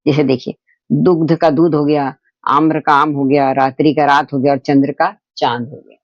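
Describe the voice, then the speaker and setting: A man's voice: fairly high pitch, level tone, moderate pace, no room sound, dull audio. A man teaching an online grammar lesson, explaining patiently step by step and posing rhetorical questions to his viewers. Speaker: Hindi teacher.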